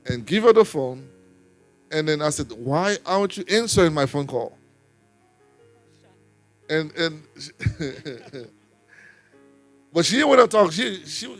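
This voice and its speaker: A male minister speaks earnestly as he shares a personal testimony, doubling back on his words as he goes. His voice sits a little high for a man. Faint instrumental music plays beneath him. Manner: earnest storytelling with repeated words. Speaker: apostle and minister.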